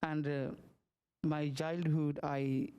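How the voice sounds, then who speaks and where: A man from Somalia, chairing a meeting over a video call in halting, word-searching English. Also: on the high side, little pitch movement, darkish tone, clean tone, dull audio. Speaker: commission chair.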